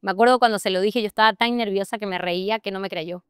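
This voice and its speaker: Bolivian woman, smooth, dry voice. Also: mid-range voice, fast talker, no room sound. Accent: Bolivian, Santa Cruz. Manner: animated, laughs often, acts out her own past thoughts. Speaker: podcast guest. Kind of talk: personal storytelling in a casual interview. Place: bar in Santa Cruz.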